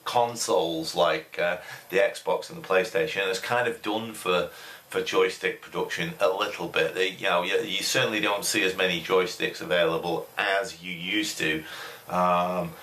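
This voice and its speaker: A man's voice: low-pitched, steady tone, moderate pace, pushed and bright. A middle-aged man casually reviewing a product at home, talking in a rambling way with many fillers. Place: small home room with desk and computer. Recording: roomy, distant camera audio, faint hiss.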